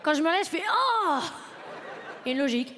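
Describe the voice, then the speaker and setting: Some chatter sits behind this stand-up set, along with a little hiss or hum. A woman in her late twenties, high-voiced and rapid-fire, chats with the comedy festival audience and makes fun of herself.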